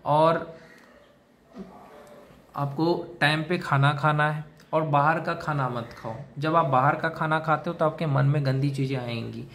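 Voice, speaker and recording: Man, slightly raised pitch, lecturing straight to camera, repeats his rules, calls the viewer brother. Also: measured pace, fairly bright tone, slight background noise. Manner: lecturing, repetitive, addresses listener as brother. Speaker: self-help video host. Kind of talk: direct-to-camera advice monologue.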